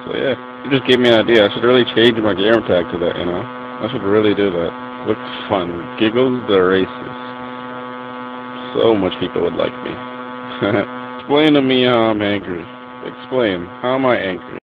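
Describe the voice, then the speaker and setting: A man's voice: mid-range voice, normal speed. A young man ranting at another gamer in voice chat, aggressive, profane and taunting. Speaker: online gamer. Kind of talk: voice-chat rant. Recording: muffled noisy game voice message.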